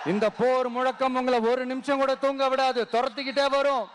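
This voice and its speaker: A man giving a fiery political rally speech as a party leader, firing off rhetorical questions and often shouting. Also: very high voice, fairly even intonation, fairly quick. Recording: loud background noise.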